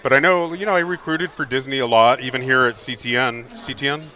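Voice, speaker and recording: A man's voice: medium pitch, steady tone, fairly quick, bright, forceful tone. A man in his fifties hosting a casual, friendly interview at an expo booth, chatty and curious. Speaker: podcast host.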